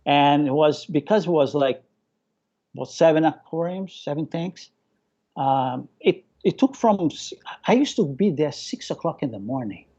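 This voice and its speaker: A male guest on a casual live interview, a hobbyist aquarium keeper and native Portuguese speaker, tells stories with excitement. His Brazilian accent carries a local Hawaiian touch, his soft, dark voice sits a little high at a moderate pace, and he repeats phrases and acts out remarks he remembers. The audio is dull and lo-fi.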